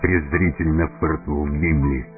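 A man narrating an audiobook fairy tale in a measured storytelling manner. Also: very deep voice, steady tone. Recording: tinny narrow-band recording, faint music.

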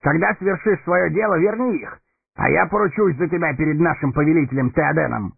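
A man voicing a proud, blunt male horse-lord captain in a gruff, gravelly, husky audiobook character voice. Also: fairly high pitch, brisk, voice pushed up, exaggerated voice. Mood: earnest. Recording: tinny narrow-band recording, faint music.

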